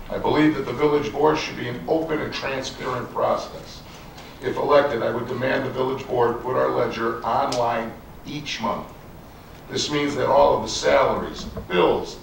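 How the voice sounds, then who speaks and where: A man with a creaky, gravelly voice gives a prepared closing statement as a candidate. The sound is distant and heavily echoing, as in a public hall. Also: medium pitch. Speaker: village board candidate. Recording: very echoey hall, distant mic, faint noise.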